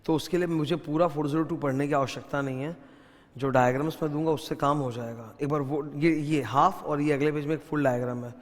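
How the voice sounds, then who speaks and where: A man's voice: fairly high pitch, fairly even intonation, brisk, big-room sound. A man teaching an audit revision lecture, mixing Hindi and English and quizzing students as he goes, with an Indian English accent.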